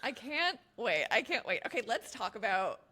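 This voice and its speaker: A woman's voice: fairly high pitch, very animated, pushed and bright. A woman hosting an interview show, gushing and enthusiastic as she asks her guest questions. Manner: gushing, enthusiastic, quick asides. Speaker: podcast host. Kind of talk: casual interview chat.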